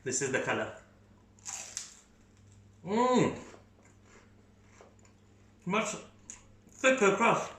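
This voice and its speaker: A man's voice: sits high, big pitch swings, very slow, pauses often, bright, forceful tone, a little hiss or hum. A man hosting a food tasting, chatting enthusiastically as he eats and rates each bite. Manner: enthusiastic, talks while chewing. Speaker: food reviewer host. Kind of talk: casual food tasting commentary. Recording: echoey room.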